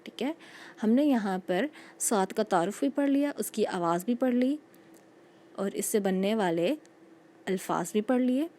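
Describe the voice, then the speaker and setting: A woman's voice: mid-range voice, lively intonation, dark tone. Patient woman teaching young children. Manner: patient, repeats sounds slowly, often says "theek hai". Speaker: school teacher. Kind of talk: recorded Urdu phonics lesson for young children.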